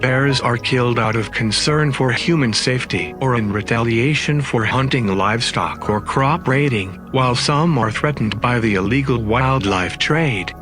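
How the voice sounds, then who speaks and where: A man's voice: medium pitch, normal speed, hardly any pauses. A man reading scripted narration in the manner of a nature documentary. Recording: music under the voice. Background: background music.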